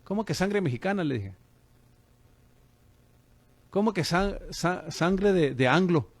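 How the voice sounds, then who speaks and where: A man's voice: high-pitched, expressive, slow, no echo. Man, radio pastor, fervent preaching, dry studio sound. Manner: fervent preaching, addresses listeners as brother.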